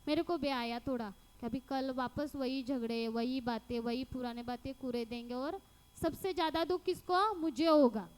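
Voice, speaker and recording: A young woman with a Mumbai Hindi accent shares a personal testimony at church in a high voice. She tells the story with animation and acts out the lines she once spoke. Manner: animated storytelling, acting out her own past words. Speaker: church member giving testimony.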